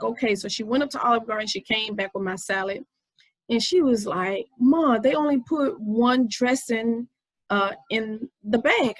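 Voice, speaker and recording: Woman podcaster in her 40s telling a story, lots of uh's, slightly high voice, dead dry sound. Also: no room sound, low-quality recording. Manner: storytelling, conversational with many fillers. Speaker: podcast host. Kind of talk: casual inspirational talk.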